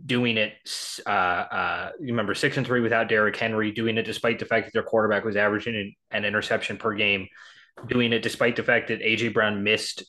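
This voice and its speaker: A man's voice: fairly low pitch, level tone, fairly quick, pushed and bright. A man co-hosting a sports podcast, talking casually, rattling off statistics with frequent ums and restarts. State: has the hiccups. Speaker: podcast co-host. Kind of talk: casual sports prediction talk.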